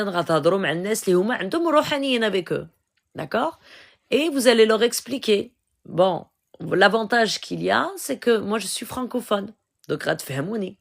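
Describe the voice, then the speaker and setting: A middle-aged woman with a Moroccan accent hosts a live stream, giving viewers advice in a mid-range voice with vocal fry. She code-switches and sprinkles her speech with frequent "euh" and "d'accord?" asides.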